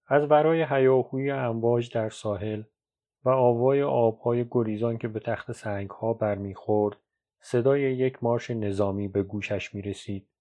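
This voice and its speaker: A man narrating a novel as an audiobook, in a measured, even storytelling read. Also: medium pitch. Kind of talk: scripted literary narration. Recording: dull lo-fi recording.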